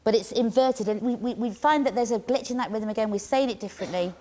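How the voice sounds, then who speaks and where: A woman leading students through a lively drama exercise, encouraging them and chanting rhythms aloud. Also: fairly high pitch, fast, big-room sound. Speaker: workshop leader.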